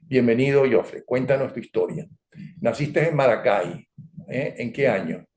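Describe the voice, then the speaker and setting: A man's voice: mid-range voice, animated, moderate pace, darkish tone. An older man with a Venezuelan accent runs a conversational interview, firing leading questions and wandering into asides. His voice sits mid-range, and the recording carries a noticeable roomy echo. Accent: Venezuelan Spanish. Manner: digressive, leading questions, frequent "¿ok?" and "¿no?" tags. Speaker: interview host.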